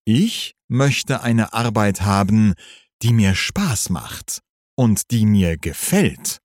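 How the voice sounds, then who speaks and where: A man voicing an earnest, studious teenage schoolboy in a read-aloud story, speaking slowly and carefully. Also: lowish voice, sing-song, darkish tone, no echo, studio quality, heavily acted.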